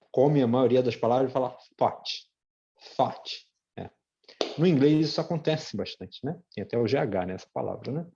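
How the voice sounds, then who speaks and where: A man with a Brazilian Portuguese accent teaching English pronunciation in an online lesson, repeating example words slowly with chatty asides. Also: mid-range voice, warm tone, muffled recording. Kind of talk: online lesson with shared screen.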